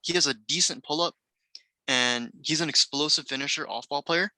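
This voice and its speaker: Enthusiastic male co-host, very bright sharp tone, dry close sound. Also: on the high side, moderate pace, no echo, rough recording. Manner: enthusiastic, rattles off scouting points. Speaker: podcast co-host. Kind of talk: casual basketball draft chat.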